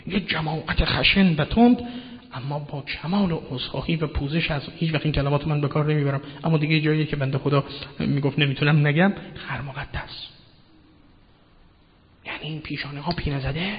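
A male preacher delivers a religious lecture with a fairly high voice, turning emphatic and then dropping to a hush. He keeps asking his listeners rhetorical questions. The recording sounds dull and lo-fi, with long reverb from a large hall. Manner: emphatic, with sudden swings from loud to hushed; addresses listeners directly, asks rhetorical questions.

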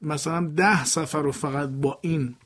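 A man co-presenting a recitation lesson, asking questions and chanting examples slowly. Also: on the high side, fairly even intonation, fairly bright tone.

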